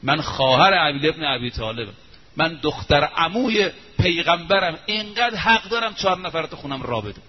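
A man's voice: on the high side, animated. A man preaching, voicing a proud noblewoman who defiantly protects refugees in her home. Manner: indignant, protesting. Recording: muffled lo-fi recording, faint hiss.

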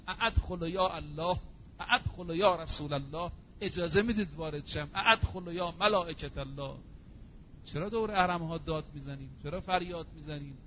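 A man giving a sermon, reciting Arabic verses slowly and then explaining them in everyday speech. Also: high-pitched. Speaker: preacher. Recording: dull lo-fi recording with faint hum.

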